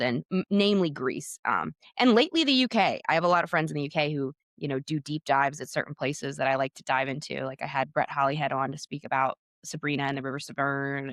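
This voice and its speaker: A guest author and podcaster, this chatty woman in her thirties from Pennsylvania, United States, has a voice that sits low and sounds a bit bright, with no room sound. She speaks with a Pennsylvania American accent in a casual interview chat, talkative and leaning on "like" and "you know."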